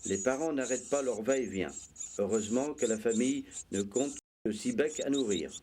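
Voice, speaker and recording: A man narrates in the manner of a nature documentary, at a medium pitch. He explains things in a measured way, like an amateur filmmaker presenting his own footage. There is faint noise in the recording. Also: dark tone.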